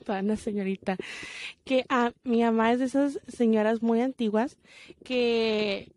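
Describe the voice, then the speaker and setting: Young woman, podcast co-host; lively storyteller, drops English words, dry close sound. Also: on the high side, unhurried, no room sound. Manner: lively, laughs often, mixes in English. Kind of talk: casual chat, storytelling.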